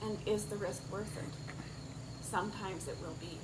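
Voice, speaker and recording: A woman officiant giving a wedding speech with deliberate, emphatic phrasing and light humour. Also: medium pitch, steady tone. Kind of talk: wedding ceremony speech with advice. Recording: clear insect and outdoor background noise.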